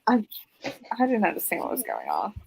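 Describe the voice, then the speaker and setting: A woman's voice: medium pitch, huge pitch swings, normal speed, vocal fry, a little mellow, husky, poor audio. A woman chatting as a guest on a casual livestream, blunt and frank and swearing freely. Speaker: guest reader.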